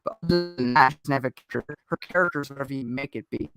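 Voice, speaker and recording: A man's voice: mid-range voice, very fast, over music, low-quality recording. A man in casual chat as host of a fan discussion show, talking at length with frequent restarts and digressions.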